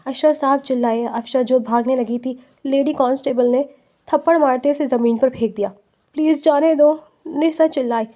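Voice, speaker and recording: A woman reads a romance novel aloud in a steady storytelling manner. Her voice sits high, but its tone is dark and mellow. It is scripted narration.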